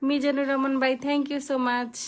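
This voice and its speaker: High-voiced woman with a Noakhali accent. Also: level tone, moderate pace, faint music behind. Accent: Noakhali Bengali. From Noakhali, Bangladesh. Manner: chatty, thanks viewers by name. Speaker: live stream host. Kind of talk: casual live stream chat reading comments.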